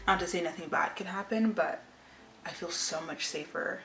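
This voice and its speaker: A woman in her twenties chats informally with a fairly low voice, rambling and confiding as she goes. The room adds a clear echo, and music plays behind her. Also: normal speed, sharp tone. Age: 20s. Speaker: lifestyle vlogger. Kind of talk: casual chit-chat to camera. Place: indoor room at home.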